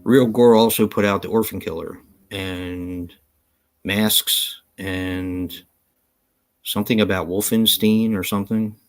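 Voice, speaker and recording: His voice is on the low side, slow, and fairly even in intonation as he co-hosts a podcast live from home. The chat is casual and rambling, with many fillers, and he laughs readily.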